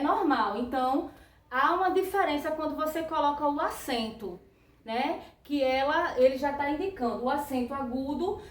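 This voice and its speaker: A woman's voice: sits high, distant mic. A Brazilian woman teacher giving a patient grammar lesson to children, checking in with a tag question after each phrase. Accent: Brazilian Portuguese. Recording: roomy echo, voice a bit off-mic.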